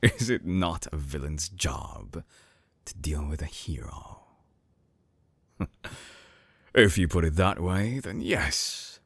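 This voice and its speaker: In an intimate binaural audio drama recorded on a close binaural microphone, a male actor plays a suave, obsessive villain scientist, sly and seductive, teasing yet menacing. His low, husky, gravelly voice is animated and a bit bright, delivered slowly and theatrically, sliding into breathy whispers. The performance is heavily acted and the recording is dry.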